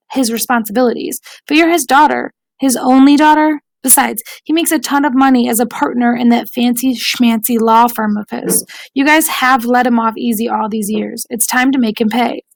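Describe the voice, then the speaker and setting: A woman reading voicing a teasing, bossy middle-aged family friend in an audiobook, talking briskly. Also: on the high side, fairly even intonation, dry recording, lightly acted, low-quality recording.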